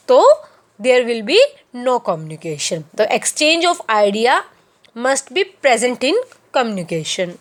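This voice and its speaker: A woman teaching a class, who explains by asking and answering her own questions and slows down on key terms. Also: high-pitched. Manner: mixes in English terms, slows down on key phrases. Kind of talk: classroom lecture.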